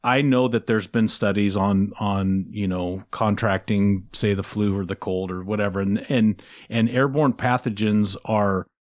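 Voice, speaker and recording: A man co-hosting a sports talk show, speaking casually with a sarcastic, questioning tone and drawn-out phrasing. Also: lowish voice, fairly even intonation. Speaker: sports podcast co-host.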